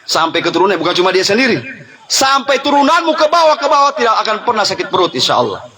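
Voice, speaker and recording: A man's voice: high-pitched, very animated, quick pace, pushed and bright. A middle-aged male preacher giving a humorous sermon, telling stories, laughing often and talking straight to the congregation. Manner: storytelling, laughing often, addressing the congregation directly.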